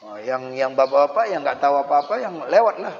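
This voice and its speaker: A man giving a religious study lesson in a mosque, animated, acting out children and parents in quick asides. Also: medium pitch. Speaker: religious teacher. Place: mosque hall. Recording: dull lo-fi sound with long hall reverb and faint hiss.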